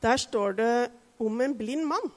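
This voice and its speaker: A woman's voice: fairly high pitch, in a large hall. A woman preaching a sermon in an earnest way, asking the listeners direct questions.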